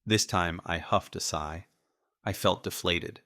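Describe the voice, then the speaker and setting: A male audiobook narrator reads in a steady, measured way. His voice sits low and sounds bright and forceful. The recording is dry and close, with no room sound. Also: dry recording. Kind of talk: scripted first-person narration.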